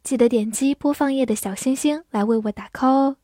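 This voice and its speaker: A woman teaches English vocabulary in a lesson, spelling words out letter by letter and speaking slowly and deliberately. Her voice sits high with a warm tone, recorded with clean studio sound and no echo.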